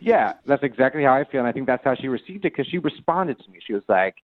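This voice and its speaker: A man's voice: mid-range voice, animated, fast. A man in his late twenties, calling into a radio show and telling his story in a sheepish, rambling way over the phone. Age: late 20s. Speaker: caller. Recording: tinny phone line, dry.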